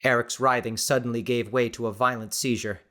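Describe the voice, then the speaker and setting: In a mid-range voice, a man reads an audiobook from a script. His storytelling is steady and measured.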